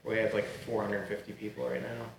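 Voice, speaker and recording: A man's voice: fairly low pitch, little pitch movement, a little fast, slight background noise, poor audio. A man hosting a podcast, explaining details matter-of-factly in casual chat. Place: podcast studio.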